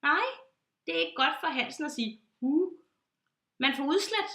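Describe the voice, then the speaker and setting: A high, pompous duck pilot from a children's storybook, put on by a woman reading aloud, scolding and fussing as the voice leaps all over the place. The sound is bright and sharp, with a roomy echo around it. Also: lively intonation. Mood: bossy. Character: fussy bossy duck pilot, strict about words.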